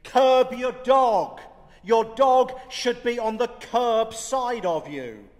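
A man barking as a gruff, grumpy neighbour. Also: lively intonation, long reverb tail, heavily acted. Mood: gruff demanding. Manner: booming, slow, barked commands. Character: gruff grumpy man yelling from his porch.

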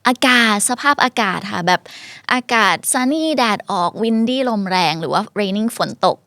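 Young woman, English teacher, casual lesson, slow careful examples, spells words out, dry close mic. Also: fairly high pitch, lively intonation, bright, forceful tone, dry recording. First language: Thai.

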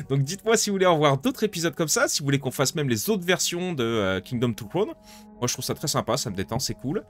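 A male gaming YouTuber does casual let's-play commentary a little fast, his pitch swinging lively over the game music behind him. He's excitable, swears, and pleads loudly with the game's characters.

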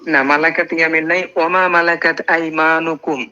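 A man debating on a live online call who briskly corrects others and repeats short phrases. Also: a little high, little pitch movement, pushed and bright, clear, resonant tone, dull audio. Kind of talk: heated religious debate.

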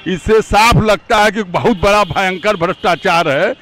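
A man on a city street giving a careful, measured opinion while steering clear of politics. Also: high-pitched, a bit bright, faint music behind. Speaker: passerby interviewee. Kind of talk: street interview answer.

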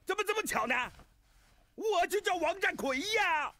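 An actor playing a greedy, scheming county magistrate in a comic period drama, full of theatrical wailing exclamations. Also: male voice, high-pitched, sing-song, fairly quick, fairly bright tone, slight background noise. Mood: fake tearful. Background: drama score music.

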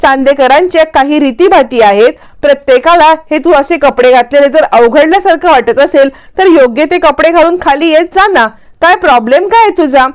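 A woman's voice: high-pitched, normal speed, hardly any pauses, natural voice. A woman voicing a dutiful traditional young sister-in-law who earnestly reproaches her. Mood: reproachful.

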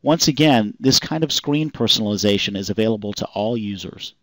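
A man calmly reading a scripted software demonstration voice-over in an even, explanatory way. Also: on the low side, brisk, no echo. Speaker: software demo narrator. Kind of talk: scripted product demo narration.

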